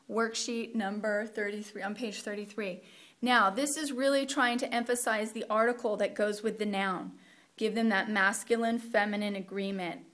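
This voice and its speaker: A woman walking teachers through a week of Spanish immersion lessons in a practical, conversational way, dropping in Spanish phrases. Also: a little high. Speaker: Spanish program instructor. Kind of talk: teacher training walkthrough.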